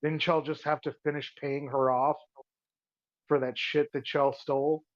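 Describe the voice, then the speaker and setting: At a tabletop game, a player lays out his plan in casual in-character talk, rambling and persuasive with many restarts. His voice is on the high side, flat and a little slow. The recording has no room sound, just a dull, muffled, dry mic quality.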